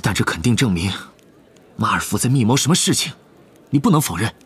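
A man reading an audiobook voices an earnest teenage wizard boy, eager and slightly husky. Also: fairly low pitch, sing-song, fairly quick, full character voice. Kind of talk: audiobook character voice.

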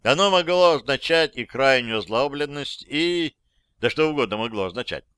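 Man with a bright clear narrating voice. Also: mid-range voice, lively intonation, moderate pace, dry recording, clean studio sound. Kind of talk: first-person audiobook narration.

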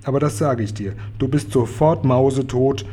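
A man voices a kind, good-natured, big friendly giant from a storybook who trips over his own words and speaks in a homely, folksy, earnest way. His dark, mellow, slightly husky voice is lifted a little higher and louder than his reading voice, yet stays at normal speed and close to an everyday voice.

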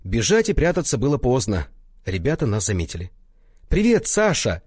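A man's voice: mid-range voice, big pitch swings, fairly quick, a little mellow, slightly rough, no room sound, studio quality. A man reading a first-person story aloud, acting out other characters by raising his voice for their lines. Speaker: audiobook narrator. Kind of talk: first-person audiobook narration.

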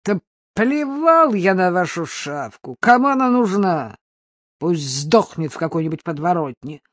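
Woman voicing a rough male mugger, storybook reading, gravelly, threatening, slow and lively. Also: on the low side, dry recording, studio quality, heavily acted. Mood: menacing. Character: menacing male street robber, rough and mocking.

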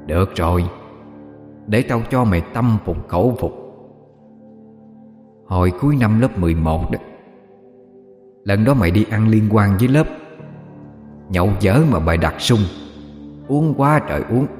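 A stern old mother's ghost scolds in a low, commanding voice, as a male narrator puts her on. She talks down to her son with steady authority. Faint music sits underneath. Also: a little slow, long pauses, roomy sound, big-room sound. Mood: scolding.

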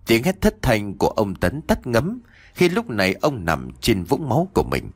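A man's voice: mid-range voice, moderate pace, breathy edge, dry recording. Theatrical male horror storyteller. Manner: expressive, theatrical. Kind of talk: dramatic horror story narration.

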